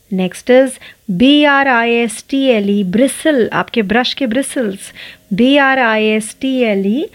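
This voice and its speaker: Slow, careful Indian woman teacher. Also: on the high side. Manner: spells words letter by letter, explains in Hindi. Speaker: English teacher. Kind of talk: slow spelling lesson.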